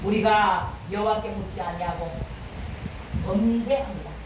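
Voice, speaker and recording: A woman's voice: medium pitch, measured pace. A woman pastor preaching a sermon with fervent, rising exhortations. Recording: echoey hall from far off, light noise.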